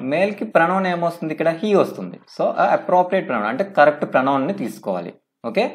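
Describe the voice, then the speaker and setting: A man teaching English grammar in a step-by-step lecture, reading out English forms slowly and often checking with "okay?". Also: fairly high pitch. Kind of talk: classroom lecture.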